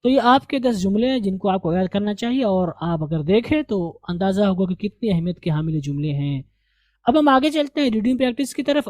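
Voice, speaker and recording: A woman teaching a language lesson, slowly drilling pronunciation and repeating each word. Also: mid-range voice, dark tone, dry recording. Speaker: English teacher.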